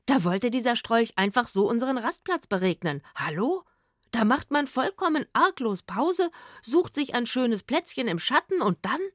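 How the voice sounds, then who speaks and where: A woman voicing a cheeky, grumpy, always-hungry young male vagabond musician who talks loudly and theatrically in an audio storybook. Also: mid-range voice, lively intonation, moderate pace, no echo, studio quality, close to an everyday voice. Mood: indignant. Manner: loud, whiny and theatrical.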